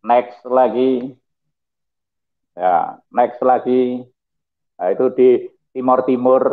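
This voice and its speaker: A middle-aged man, a pastor giving his testimony in a lively, preachy way with chuckling asides. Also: mid-range voice, slow pace. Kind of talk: testimony talk over slides. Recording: tinny phone-like audio.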